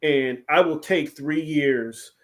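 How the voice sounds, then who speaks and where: Brief: male sports-talk co-host, fairly high voice, animated and emphatic. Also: slow pace. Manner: animated, emphatic, repeats "here's the thing". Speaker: podcast co-host. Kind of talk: casual sports chat.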